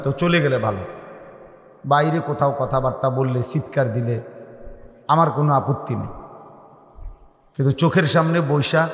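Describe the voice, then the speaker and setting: A man preaching a waz sermon, impassioned and rising to loud chanted peaks. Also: mid-range voice. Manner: calmer, stern when addressing the audience. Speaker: Islamic preacher. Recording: echoey hall with long reverb.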